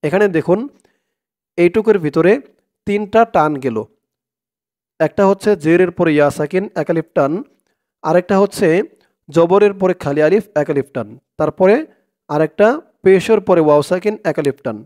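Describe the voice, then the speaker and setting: A man teaching Quran reading, spelling words out letter by letter and chanting the Arabic verses slowly. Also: sits high, darkish tone.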